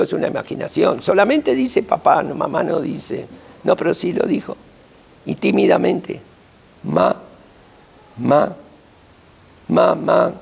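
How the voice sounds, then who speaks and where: An older man, a rabbi, preaching a sermon with dramatic, emphatic storytelling and sudden swings in pitch. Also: creaky, a little mellow, husky.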